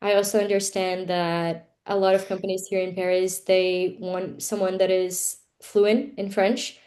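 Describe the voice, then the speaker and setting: A Brazilian woman in her twenties, a native Portuguese speaker, talks in English as a guest in a casual interview. Her medium-pitched, darkish voice is flat and a bit slow, and she's frank and reflective, using lots of "like" and "you know."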